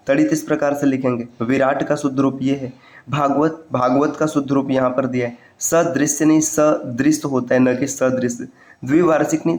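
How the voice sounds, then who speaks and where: A man's voice: mid-range voice, a little mellow, echoey room. A man teaching a Hindi spelling lesson for exam preparation, going word by word and repeating each correct form, telling students what to remember. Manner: addresses students directly to remember points.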